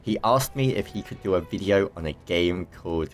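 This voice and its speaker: A man hosting a casual gaming podcast, chatty and rambling with quick asides. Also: low voice, animated, soft background music. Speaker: podcast host. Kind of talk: casual chat.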